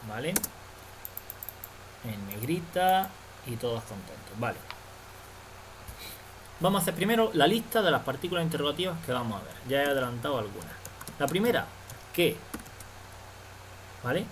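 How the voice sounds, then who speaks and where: A man's voice: mid-range voice, expressive, a little hiss or hum, rough recording. A man teaching a language lesson, explaining patiently and checking understanding again and again. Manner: slow, patient explaining with frequent "vale?" checks.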